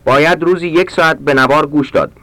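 A man reading short practice sentences aloud for language learners, slowly and with careful enunciation. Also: fairly high pitch, fairly bright tone, dry recording. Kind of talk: read-aloud Persian drill sentences for learners.

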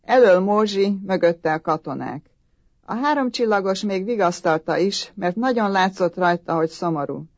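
A woman narrating a folk story in a calm, even storytelling manner. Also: medium pitch, no echo. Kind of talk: storybook reading. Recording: dull, dry audiobook sound.

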